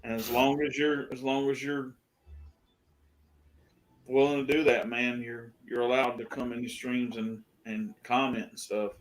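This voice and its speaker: A laid-back man talking on his live stream. His speech is halting and full of ums, and he swears freely. His voice sits at an ordinary middle pitch. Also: little pitch movement, a little hiss or hum. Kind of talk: casual chat on a live stream.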